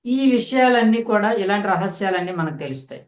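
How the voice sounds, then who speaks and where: A man leads a spiritual discourse as the teacher. His voice sits a little high, and he speaks straight to his listeners, repeating phrases to drive each point home. The recording carries a noticeable room echo. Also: lively intonation. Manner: explains slowly with repetition; addresses listeners directly.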